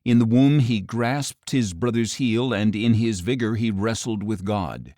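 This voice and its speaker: A man narrating an audio Bible in a measured, solemn scripted reading, his lines falling at the ends. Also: fairly low pitch, dark tone, dry recording, clean studio sound. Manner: measured, solemn delivery with falling line endings.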